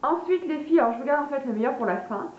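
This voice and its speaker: This beauty vlogger has a high-pitched voice with lively intonation and talks at rapid-fire speed. She chats loosely through a haul of products, stumbling with plenty of fillers and calling her viewers "girls." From an echoey room at home, the dull, lo-fi audio picks up faint noise from a party below.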